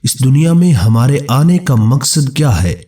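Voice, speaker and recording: Solemn, mellow-voiced male preacher. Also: mid-range voice, sing-song, far from the mic. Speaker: religious narrator. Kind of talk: scripted religious narration.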